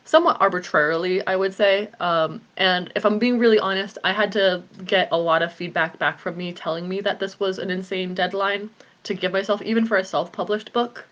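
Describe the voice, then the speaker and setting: A woman's voice: mid-range voice, fairly even intonation, fairly quick, fairly bright tone, muffled recording. Chatty woman in her late twenties. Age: 20s. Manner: chatty, candid, rambling with many ums. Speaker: author and group host. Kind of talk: casual live video chat.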